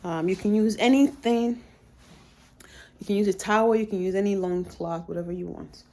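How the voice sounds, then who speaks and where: A woman's voice: medium pitch, normal speed, darkish tone. A woman casually talking through a postpartum exercise routine at home, plain-spoken and filling her speech with "uh" and "like". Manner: plain-spoken, with frequent "uh" and "like" fillers. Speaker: vlogger sharing postpartum exercises. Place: bedroom at home. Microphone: camera set up across the room.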